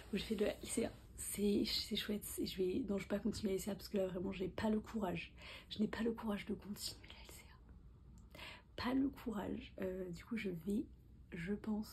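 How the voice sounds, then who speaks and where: A young woman talks casually to the camera in a mellow, soft voice and often slips into a breathy half-whisper. She rambles, loops back on her own words and keeps a relaxed, chatty pace. A faint hiss sits under the recording. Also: mid-range voice. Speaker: medical student vlogger. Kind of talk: casual vlog chat to camera.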